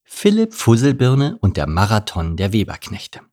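A man's voice: lowish voice, huge pitch swings, normal speed, a little mellow. A man narrating a children's story in a playful way, speaking directly to his listeners. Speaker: audiobook narrator.

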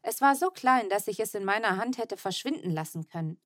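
A woman narrating a children's audiobook in an expressive, lively storytelling manner. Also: mid-range voice, a little fast, dry recording, clean studio sound.

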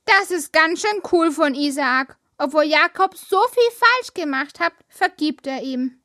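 A woman's voice: high voice, lively intonation, measured pace, sharp tone, dry recording, clean studio sound, full character voice. A woman voicing a young woodworm girl in a children's audio drama, indignant and a bit whiny. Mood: reflective.

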